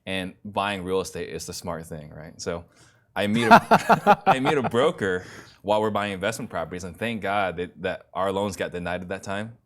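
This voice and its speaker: A man as a podcast guest, telling his story in a relaxed chat and acting out the quotes. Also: low voice, normal speed. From born in Italy, raised in Arizona. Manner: animated storytelling with acted quotes. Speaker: interview guest. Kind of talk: casual conversation.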